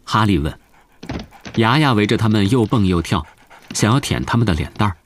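Male narrator for a novel audiobook, low voice, faint hiss. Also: lively intonation, brisk.

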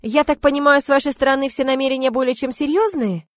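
A woman reading aloud, voicing an anxious, fussing middle-aged mother who frets gently about her daughter. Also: high voice, fairly even intonation, fast talker, no room sound, studio quality, voice pushed up, natural voice. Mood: fretting.

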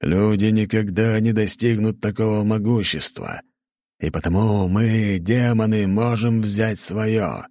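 A man voicing a wrathful, proud demon king who speaks in slow, booming proclamations. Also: dark tone, no room sound. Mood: rousing.

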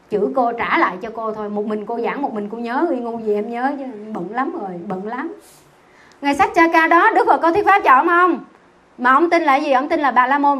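A woman teaching a Buddhist sutra class, asking her listeners questions and answering them herself in a teasing, lively way. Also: high voice. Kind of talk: dharma talk with questions to the class.

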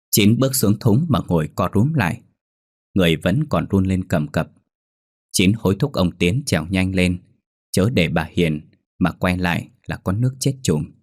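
A man narrates a ghost story in a steady, dramatic way, his voice deep and husky. The recording is dry and close, with faint music playing underneath. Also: no room sound.

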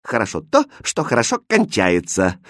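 A sneering young princess who gives orders and counts down with cold contempt, as a man reading the tale puts her on. Her voice leaps up and down with lively swings, heard close and dry with no room around it. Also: medium pitch, moderate pace, no room sound, heavily acted. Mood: scolding. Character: haughty, spoiled young princess.

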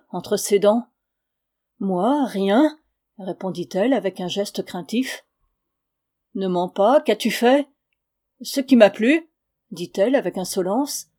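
A woman calmly reading a novel aloud in a measured storytelling manner. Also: medium pitch. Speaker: audiobook reader. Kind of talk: scripted narration of a novel.

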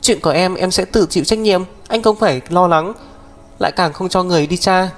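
Một người đàn ông đọc truyện, lồng tiếng một cô em gái trẻ bướng bỉnh, hay khóc, nói giọng the thé và phẫn nộ. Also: male voice, a little fast, faint music behind. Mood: defiant. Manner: shrill, indignant, pouting. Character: young woman, stubborn tearful younger sister.

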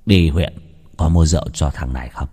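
A man voicing an insolent, drunken adult son who mutters low and mockingly in a ghost story. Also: fairly quick, mellow, husky. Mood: sneering. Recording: long hall reverb.

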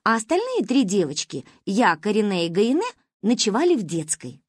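Lively, slightly husky woman storyteller. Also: mid-range voice, moderate pace, no echo, clean studio sound. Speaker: audiobook narrator. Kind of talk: expressive storybook narration.

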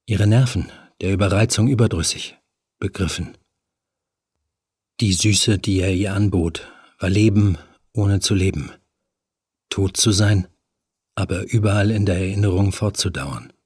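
A man narrating a horror audiobook in a measured, even storytelling manner. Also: low voice, breathy edge, dry recording, studio quality.

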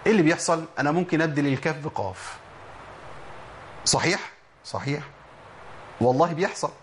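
Egyptian sheikh teaching Quran pronunciation. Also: male voice, fairly high pitch, expressive, a little hiss or hum. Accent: Egyptian Arabic. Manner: drills letter sounds slowly, stretching and repeating example words. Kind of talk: Egyptian Arabic tajweed lesson.

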